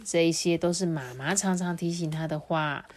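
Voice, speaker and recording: A woman reading a picture book to children in a lively, sing-song way. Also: lowish voice, moderate pace. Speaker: storyteller.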